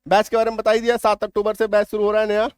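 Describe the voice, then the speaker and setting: High-voiced man teaching spelling rules. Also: monotone, racing, darkish tone, clear, resonant tone, no echo, clean studio sound. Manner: repeats key points with rhetorical questions. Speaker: English teacher. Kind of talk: spoken spelling lesson.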